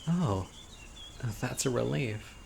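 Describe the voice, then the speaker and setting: In a heavily acted audio roleplay, a man voices a gentle, eager, critically ill young man on a date who secretly has an obsessive streak. His medium-pitched voice is gravelly and animated but slow, hesitant and soft with muttered, whispered asides, sounding eager and shyly tender in this intimate boyfriend monologue. Birdsong, crickets and insects fill the outdoor ambience, with slight background noise.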